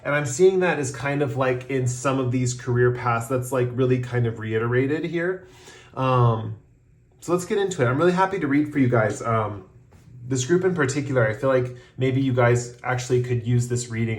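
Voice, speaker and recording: A tarot reader chats to camera in a casual, rambling reading, filling it with ums and slowing down to announce each card. His voice, middle in pitch, is worn thin as if he's losing it, and the room around him echoes noticeably.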